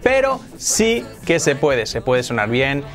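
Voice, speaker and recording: A young man from Spain with a Spanish accent, hosting an energetic online English pronunciation lesson and repeating words to model them. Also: medium pitch, takes it slowly, faint music behind. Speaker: English pronunciation teacher, channel host.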